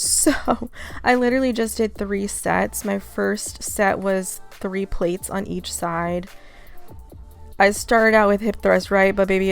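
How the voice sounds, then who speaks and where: A woman's voice: medium pitch, creaky. Chatty young woman fitness vlogger. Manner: chatty, upbeat, addresses viewers as girl. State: out of breath after workout. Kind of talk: casual gym vlog chat. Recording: faint music behind.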